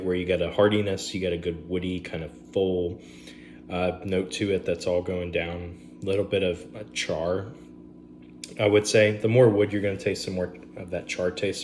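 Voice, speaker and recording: A man's voice: deep voice, slight background noise. A man, casually reviewing bourbons on camera at home, rambling with fillers and asides.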